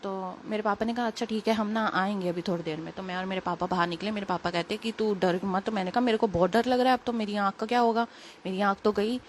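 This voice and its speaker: A young woman, a little unwell, telling a personal story in quick, rambling, casual talk full of fillers. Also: mid-range voice, fairly even intonation, a little hiss or hum. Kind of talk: casual spoken testimony.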